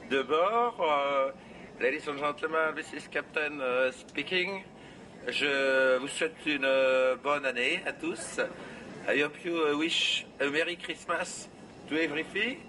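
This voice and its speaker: Bumbling pilot making cockpit intercom announcements, man acting it, French accent, hesitant broken English, slightly high voice, slow delivery. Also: pushed and bright, a little hiss or hum. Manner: hesitant, stumbling broken English full of "euh". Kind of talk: comedy sketch. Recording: distant voice with faint ambience.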